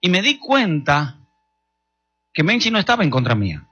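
A man's voice: on the high side, huge pitch swings, normal speed, bright, forceful tone, breathy edge, muffled recording, faint music behind. A middle-aged man with a Dominican accent, preaching a sermon with humor and telling stories straight to the congregation. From Dominican Republic. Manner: humorous, storytelling, addressing the congregation directly. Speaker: pastor.

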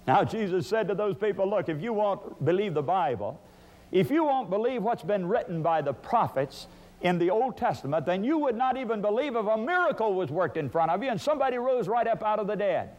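A man's voice: high-pitched, lively intonation, a little fast, darkish tone. A man preaching a sermon, emphatic, asking and answering his own questions.

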